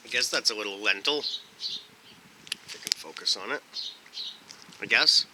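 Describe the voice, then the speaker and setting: A man's voice: fairly low pitch, a little slow. A man hosting a casual snack review vlog outdoors, talking in a laid-back, rambling way as he thinks aloud. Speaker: food review host. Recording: windy outdoor recording. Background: wind noise.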